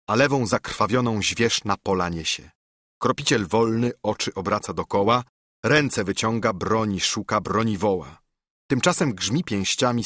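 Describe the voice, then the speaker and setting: A man narrating an epic poem aloud in measured verse. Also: fairly low pitch, fairly bright tone, husky, no room sound, studio quality.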